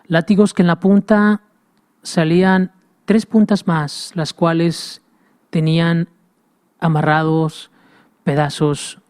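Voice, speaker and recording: A man's voice: a little high, level tone, slow, long pauses, a little mellow, smooth. A man preaching a sermon with passion, repeating phrases and speaking straight to the listener. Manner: impassioned, repetitive, addresses listener directly.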